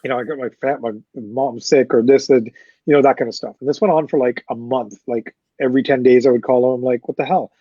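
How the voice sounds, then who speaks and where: A man, a concert promoter, recounts a story in a relaxed interview, acting out what others said and cursing often. His voice sits at an ordinary middle pitch. The sound is dry and a little dull. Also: brisk, slightly rough, no echo. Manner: animated anecdote-telling with profanity and quoted dialogue.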